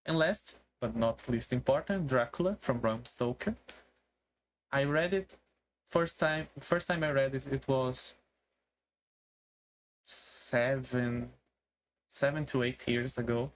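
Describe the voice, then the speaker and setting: A streamer talking casually in a halting way, with non-native English phrasing, on a solo stream. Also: medium pitch. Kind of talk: casual solo debut stream talk about favourite books and music.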